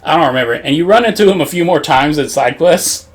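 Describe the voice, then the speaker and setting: A man's voice: fairly high pitch, expressive, quick pace. Brief: male podcast co-host, rambling and profane, laughs a lot. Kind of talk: casual game recap chat.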